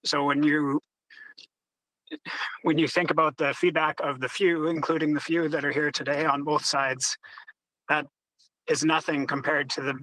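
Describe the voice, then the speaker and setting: A man's voice: fairly high pitch, bright, forceful tone, no room sound. A man calling in on a car hands-free phone while driving, speaking earnestly and directly at a public hearing. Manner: earnest and direct, with some restarts. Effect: car hands-free phone call. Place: in a moving car. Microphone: car hands-free device.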